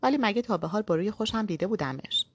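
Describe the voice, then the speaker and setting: A woman narrating a novel aloud in the first person, in a steady storytelling manner. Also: mid-range voice, breathy edge.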